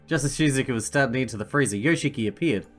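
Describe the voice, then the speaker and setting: A woman's voice: extremely low pitch, rapid-fire, soft background music. A woman doing a let's play, reading game narration aloud and adding casual commentary.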